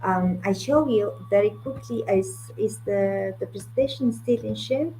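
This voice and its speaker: Halting woman with a Mongolian accent. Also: medium pitch, dark tone, rough recording. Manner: halting, hesitant, searching for words. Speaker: guest, art curator. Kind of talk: online talk about own work. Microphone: video call. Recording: video call with faint noise and hum.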